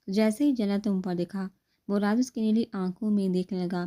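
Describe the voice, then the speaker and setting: A woman narrating a novel in a steady, scripted reading voice. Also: medium pitch. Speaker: audiobook narrator.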